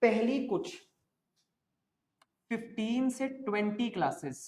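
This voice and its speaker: A man's voice: very high voice, animated, takes it slowly, a little mellow. Male teacher, classroom lecture, coaxing and checking in, echoey room. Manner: coaxing, keeps checking in with students. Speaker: accounting teacher. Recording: roomy echo.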